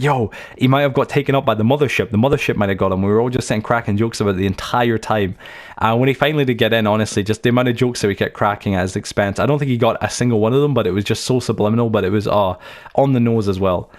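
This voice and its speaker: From the UK, a young gaming channel host delivers a fast, chatty tour in his mid-range voice. The let's-play commentary wanders, packed with anecdotes, fillers and false starts.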